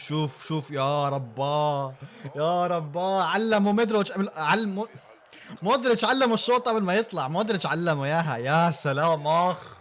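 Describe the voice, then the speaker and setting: A young man with a notably high voice reacts live to a football match. He is excitable and breaks into loud shouts and laughter whenever a big play happens.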